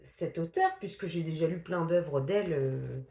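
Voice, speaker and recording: A woman chats casually about her recent reading, full of hesitations, restarts and quick laughs. Her voice sits a little low for a woman. The recording has a noticeable room echo. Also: vocal fry, mellow. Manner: chatty, hesitant with many fillers and restarts, laughs often. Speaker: book vlogger. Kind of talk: casual book review chat.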